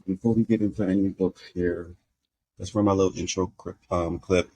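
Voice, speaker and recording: A man hosting a show in a relaxed, rambling, self-deprecating way, talking while eating candy with a toothache. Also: sits low, normal speed, slightly rough, low-quality recording. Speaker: podcast host. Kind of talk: casual chat.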